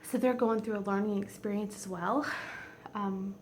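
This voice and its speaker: A woman in her forties, a home vlogger chatting casually, rambling and heartfelt and teary, often dropping to a soft near-whisper. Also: medium pitch, fairly even intonation, moderate pace, a little hiss or hum. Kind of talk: casual chat.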